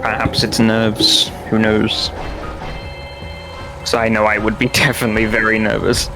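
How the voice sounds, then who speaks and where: A young man co-commentates a game race in relaxed chat. His voice is fairly low and gravelly, over clearly audible music. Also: moderate pace.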